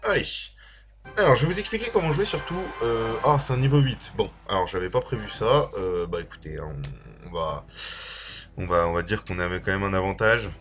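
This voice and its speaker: A man's voice: fairly low pitch, expressive, brisk, a bit bright. A man with a slight slushy lisp on his s, giving casual, informal and somewhat hesitant gameplay commentary as a video creator. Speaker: gaming video creator and streamer. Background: music.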